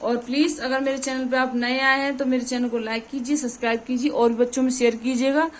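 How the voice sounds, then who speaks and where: A woman with a Hindi accent from Uttar Pradesh gives an exam-prep grammar lesson. Her voice sits high, and she teaches patiently, repeating her points and checking in with the students. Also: flat delivery, quick pace. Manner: explains with examples, repeats "ठीक है" often.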